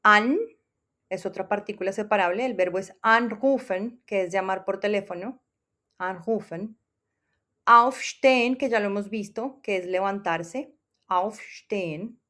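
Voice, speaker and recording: A woman giving a scripted German lesson, explaining grammar in a clear teaching tone and slowing down to pronounce example sentences carefully. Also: mid-range voice, a bit bright.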